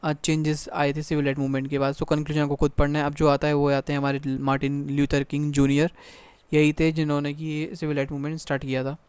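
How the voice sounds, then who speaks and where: A young man, teaching an exam-prep lesson. He reads English notes slowly, explains in Hindi, and urges his students directly. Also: on the high side, completely flat delivery, darkish tone, smooth, no echo. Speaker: tutor.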